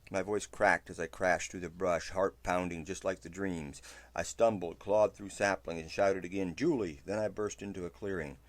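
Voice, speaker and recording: A man reading a first-person western story aloud, in a steady, low narration. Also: normal speed, no echo.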